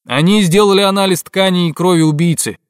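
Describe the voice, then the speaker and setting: A man's voice: high voice, quick pace, clean tone, dry recording, studio quality, voice pushed up, close to an everyday voice. A man voicing an agitated male lab worker phoning in urgent bad news. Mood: alarmed.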